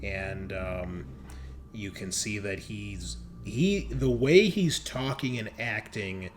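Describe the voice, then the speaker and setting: Soft music and clear background noise accompany a man narrating a tabletop session as game master. He improvises slowly in a fairly low voice, keeping it conversational and colloquial with occasional swearing.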